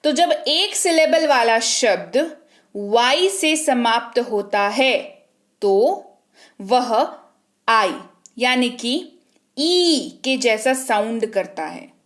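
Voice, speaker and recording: A woman's voice: a little high, lively intonation, drawn-out words, a bit bright. A woman teaching English spelling rules, patiently spelling words out letter by letter and asking herself questions before answering them. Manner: patient, asks and answers her own questions. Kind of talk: spelling lesson in Hindi.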